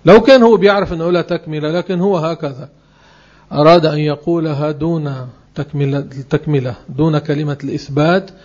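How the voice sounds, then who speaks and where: Male religious teacher, emphatic and slow on key phrases, fairly high voice on a dull recording. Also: a little mellow. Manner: emphatic, spells out phrases slowly word by word. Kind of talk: religious lesson.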